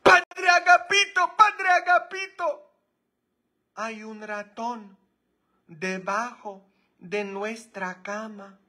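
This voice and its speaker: A man voicing a shrill, fussy older housekeeper woman who whines high-pitched complaints. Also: fairly even intonation, extremely slow, a bit bright. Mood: alarmed. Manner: high-pitched whining calls.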